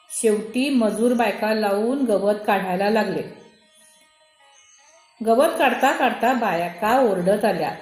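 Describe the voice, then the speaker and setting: A woman from India reads her own essay aloud, unhurried and measured, her voice sitting a little high. The room around her is echoey, with faint music underneath. She tells the story plainly, at a careful reading pace. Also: darkish tone.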